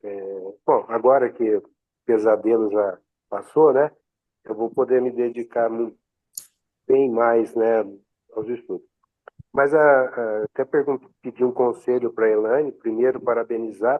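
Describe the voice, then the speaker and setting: A man's voice: medium pitch, dry recording. A man student putting a question to his teacher in an online class. He hesitates and searches for his words. His voice is dry and tinny, like a phone line.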